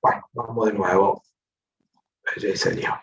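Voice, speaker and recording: A man's voice: fairly low pitch, fairly even intonation, moderate pace, a bit bright, slight background noise. Male programming teacher, Rioplatense accent, patient and explanatory, distant muffled class recording. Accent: Rioplatense Spanish. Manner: explanatory, checks in with frequent "¿sí?". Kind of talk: online class, live coding.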